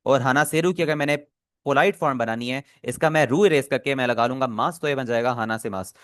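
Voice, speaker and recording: A man teaching Japanese in an online class, who patiently repeats phrases and says the Japanese words slowly for students to copy. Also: mid-range voice, a bit bright, dry recording, studio quality.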